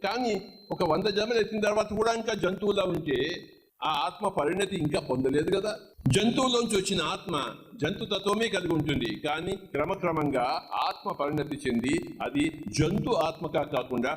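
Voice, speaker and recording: Spiritual teacher, man, emphatic sermon delivery, a touch high-pitched. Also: lively intonation, a little fast, noisy background. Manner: emphatic, preaching in short repeated phrases.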